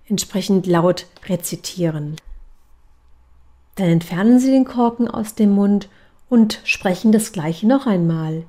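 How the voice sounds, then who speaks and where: A woman voice coach giving a calm, measured lesson on breathing and articulation exercises. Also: medium pitch. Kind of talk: instructional voice training lesson.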